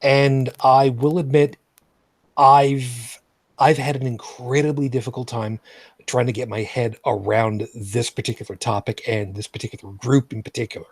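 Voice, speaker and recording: A man's voice: mid-range voice, fairly even intonation, moderate pace, slightly rough, no room sound. A man hosting a live vlogcast, chatting casually with co-hosts, rambling with lots of fillers and restarts, often sarcastic. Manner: rambling, filler-heavy, repeats and restarts phrases. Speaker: main host.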